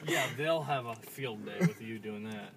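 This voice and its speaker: A man's voice: lowish voice, normal speed, a crowd in the background. A man teasing his cousins in a car with wry remarks. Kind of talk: casual chat, mock-announcer readings. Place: inside a car.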